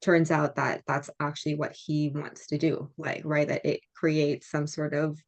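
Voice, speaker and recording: A hypnosis trainer giving casual, animated feedback on a practice session, often checking in with "like" and "right?". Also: mid-range voice, a little slow, creaky. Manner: animated retelling, peppered with "like" and "right?".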